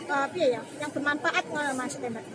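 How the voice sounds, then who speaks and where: A woman's voice: high voice, a little fast. A woman in her forties with a Javanese Indonesian accent, cheerfully interviewing people in a park on a phone held at arm's length. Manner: chatty and cheerful, teasing. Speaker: vlogger interviewing migrant workers. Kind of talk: casual on-the-street interview. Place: outdoor park with crowd. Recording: loud outdoor crowd and noise.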